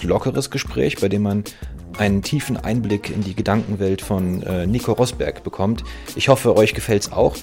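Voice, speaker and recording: A man hosting a podcast interview in a station lounge, asking relaxed questions with a few fillers. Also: lowish voice. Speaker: podcast host.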